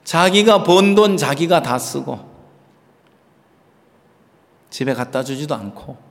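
A man pastor preaching a sermon in a dramatic, emphatic way that swings between loud exclamations and whispers. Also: a little high, in a large hall.

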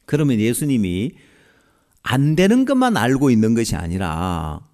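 A man's voice: medium pitch, sing-song, normal speed, darkish tone. A man preaching a sermon, acting out the voices of biblical figures as he goes. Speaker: pastor.

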